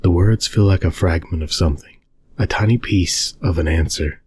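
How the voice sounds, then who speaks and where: Low, haunting male horror narrator. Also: moderate pace, a little mellow, husky, no echo. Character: haunted, fearful survivor hunted by unseen beings. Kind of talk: scripted first-person scary story narration.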